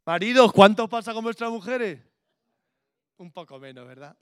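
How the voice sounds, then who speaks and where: Man, middle-aged, sermon, chatty storytelling, high voice, dry close sound. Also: normal speed, a bit bright, clean tone, no echo. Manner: anecdotal, conversational preaching with acted-out dialogue. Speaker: preacher.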